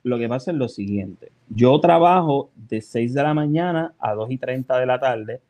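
A man's voice: mid-range voice, normal speed, a crowd in the background. A man tells his story in a casual podcast chat. His voice sits in a middle register, and he acts out what he said and felt along the way. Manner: animated, acts out his own reactions. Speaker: guest radio DJ.

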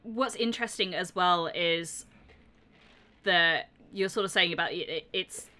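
A woman's voice: on the low side, measured pace, sharp tone. A woman co-hosting a film podcast, chatting casually and responding with short replies. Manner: short backchannel replies, laughs along. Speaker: podcast co-host.

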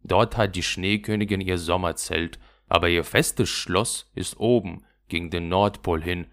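A man's voice: low voice, fairly even intonation, a little slow, fairly bright tone. A man voicing a proud, homesick reindeer in a fairy tale, with a wistful manner.

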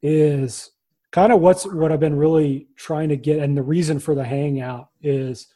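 A man's voice: a little high, fairly even intonation, a little slow, warm tone. A man hosting a podcast panel over a video call, upbeat and enthusiastic as he thanks his guests. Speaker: podcast host. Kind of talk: casual panel chat.

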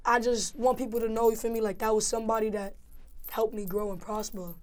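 A woman's voice: a little high, little pitch movement, brisk. A young woman with a New York accent, a rapper talking casually as an interview guest, laid-back and full of slang, often asking "feel me?".

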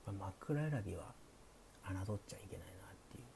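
A man streaming soft, sleepy bedtime talk, hushed and often slipping into a half-whisper. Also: low voice, expressive, a little fast, creaky. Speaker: streamer, show host. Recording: faint background hiss.

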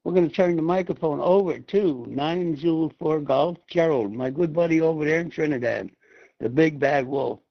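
Man, net control operator, gravelly tone, formal on-air calling, heard over fading shortwave radio with dull lo-fi sound. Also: fairly high pitch. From Massachusetts, USA. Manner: measured, formal on-air calling, spells call signs phonetically. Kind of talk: amateur radio net procedure.

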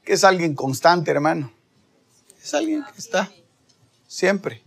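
A man preaching a sermon, calling his listeners brother and swinging from hushed near-whispers to loud, impassioned shouting. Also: high-pitched, very animated, unhurried, creaky, slightly rough. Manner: calls the listeners "hermano", acts out voices in the story.

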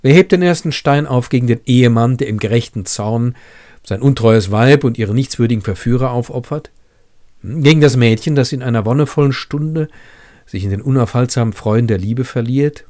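A man's voice: medium pitch, brisk, a little mellow, natural voice. A man reading aloud the speeches of a passionate, brooding young man who argues in fervent, rhetorical questions. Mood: impassioned. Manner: impassioned, rhetorical.

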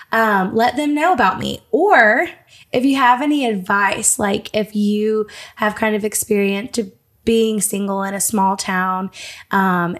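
A woman in her twenties hosting her own podcast, chatting casually and laughing often at herself. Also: mid-range voice. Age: 20s. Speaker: podcast host.

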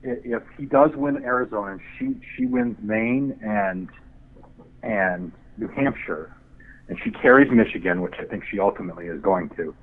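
A man calls in over a thin, tinny phone line, sounding boxed-in and narrow. He talks politics casually, swearing freely and thinking aloud in an animated way. His voice sits a little on the low side. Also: normal speed. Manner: profane, animated speculating. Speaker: caller.

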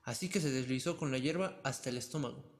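A man reading a fairy tale aloud in an even, expressive storyteller manner. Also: medium pitch, quick pace. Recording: long hall reverb.

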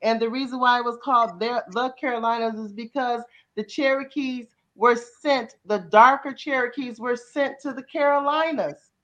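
A woman's voice: fairly high pitch, steady tone, moderate pace, a bit bright. A woman pastor speaking on a panel with a preaching cadence, building her points through repeated rhetorical questions. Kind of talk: panel discussion comments.

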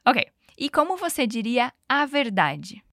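Woman teaching english on a podcast, patient and coaxing, repeats phrases nice and slow. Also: a little high, big pitch swings, a bit bright, no room sound, studio quality. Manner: patient, coaching, slows down for model phrases. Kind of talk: podcast language lesson.

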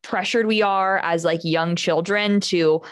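Animated young woman podcast host. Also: fairly low pitch. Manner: animated, talks fast in bursts. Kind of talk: casual chat.

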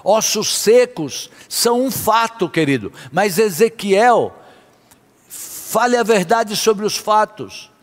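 High-voiced man preaching in an echoing hall. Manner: impassioned preaching, sometimes half-singing his phrases. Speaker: pastor. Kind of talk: sermon. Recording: long hall reverb.

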